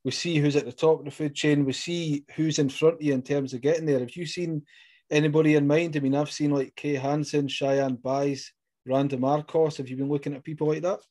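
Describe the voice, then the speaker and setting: A man's voice: on the high side, steady tone, fairly quick, warm tone. A man with a Scottish accent interviewing a fighter, chatty and encouraging with long rambling questions. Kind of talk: sports interview.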